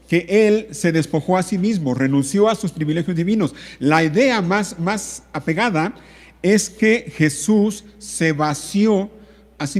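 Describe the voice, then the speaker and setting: A man delivers a sermon from the pulpit with a fairly high voice. He drives his points home through repetition and slow, stretched words. His voice rings out with the long reverb of a church hall. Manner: repetitive emphatic preaching, stretching key words. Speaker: pastor.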